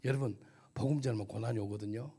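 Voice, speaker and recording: A missionary pastor delivers a testimony sermon at a church service, telling his story vividly and putting questions to the audience. His fairly low voice is mellow and husky, and he talks fast.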